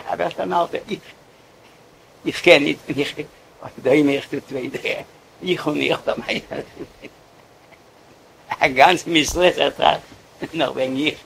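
Gravelly man telling a story. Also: a little high, fairly bright tone, slight background noise, rough recording. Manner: halting, repeats words often. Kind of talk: casual storytelling.

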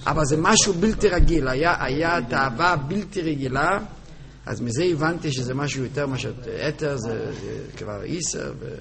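A man telling a story to a group at a gathering, halting and often repeating and restarting his words. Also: fairly high pitch, gravelly. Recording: crowd chatter behind voice.

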